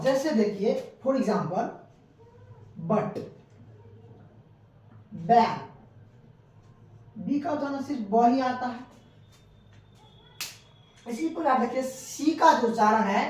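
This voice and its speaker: A woman teaching English letter sounds, slowly and repetitively, asking and answering her own questions. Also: high voice. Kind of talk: English pronunciation lesson. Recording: echoey room from far off.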